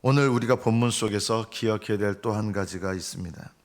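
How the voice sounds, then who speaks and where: A man's voice: fairly low pitch, brisk. A middle-aged man, the senior pastor, preaching an early-morning sermon in an earnest way, often asking rhetorical questions.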